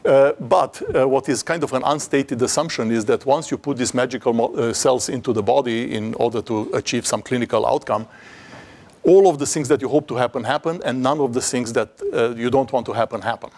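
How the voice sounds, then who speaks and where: A middle-aged man gives an academic seminar talk, standing before slides in a lecture hall. His voice sits in a plain middle range, and he works through his points haltingly, full of restarts and fillers, with a dry wit. He is picked up on a lapel mic. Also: mid-range voice, darkish tone. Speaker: invited seminar speaker.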